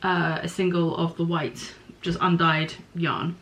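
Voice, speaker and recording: A woman's voice: lowish voice, little pitch movement, unhurried, a bit bright, low-quality recording. A middle-aged woman hosting a podcast, chatting casually about her knitting and spinning, thinking aloud and stopping to apologise for small slips. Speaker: podcast host.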